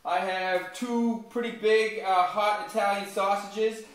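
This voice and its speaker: A man hosts a home cooking video in his kitchen, chatting through each step and talking with his toddler son. His voice sits high with a steady tone and slow pace. A distant camera mic captures it, leaving the kitchen very echoey with faint noise.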